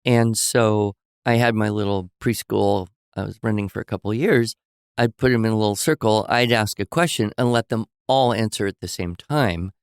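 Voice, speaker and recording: On a casual teaching podcast, a male co-host tells anecdotes in a storytelling manner, acting out the voices of people he quotes. His voice is lowish and clean, recorded at studio quality with no echo.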